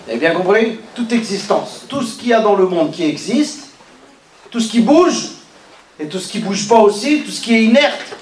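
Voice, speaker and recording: A man's voice: normal speed, a little hiss or hum. A man giving a religious lesson, questioning and teasing his listeners, rising to calls and dropping to murmurs. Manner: animated, questions and teases listeners, swings from loud calls to low murmurs. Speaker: rabbi teaching a class. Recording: echoey room, voice from far off.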